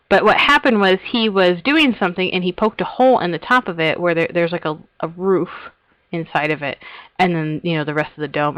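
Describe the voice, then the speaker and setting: A woman's voice: sits low, fairly bright tone, dry recording, rough recording. A woman casually narrating a tour of her game world, chatty and giggly, often trailing off and restarting her sentences. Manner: chatty, giggly, self-interrupting. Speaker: Minecraft server host giving a tour. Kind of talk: casual rambling vlog narration.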